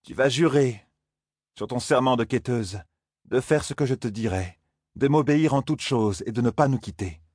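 A man voices a stern sorceress in a storybook reading, speaking with cold, measured authority. Her voice sits just above his own, husky and dry. She lays down her conditions without raising her tone. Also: medium pitch, a little mellow, no room sound, pitched above the performer's own voice, natural voice. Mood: commanding. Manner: measured, imposing demands.

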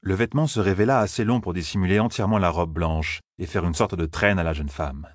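A man narrating a fantasy novel as an audiobook, with a steady, expressive reading. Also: sits low, fast talker, no echo, clean studio sound.

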